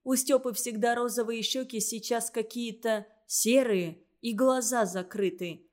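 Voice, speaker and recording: A woman narrates a children's story for an audiobook. Her reading is expressive and vivid. Her voice sits slightly high. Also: unhurried.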